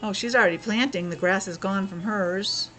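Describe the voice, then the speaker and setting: Over soft background music, a woman with a medium-pitched, fairly bright voice speaks at a normal speed. She is a teacher reading a picture book to young children, breaking away for casual asides, questions and explanations. The recording is low quality.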